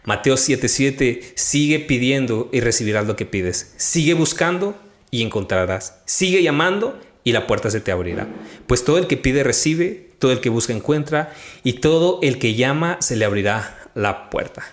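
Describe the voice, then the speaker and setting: A man, hosting a devotional podcast and telling a personal faith story in a lively conversational way. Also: mid-range voice, normal speed. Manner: animated storytelling, quotes his own prayers. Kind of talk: conversational testimony.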